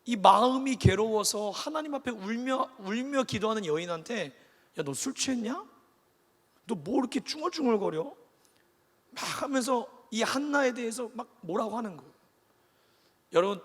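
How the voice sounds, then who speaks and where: A man preaching a sermon as pastor, animated, acting out the people in his story. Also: high voice. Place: large church hall. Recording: long reverb of a church hall.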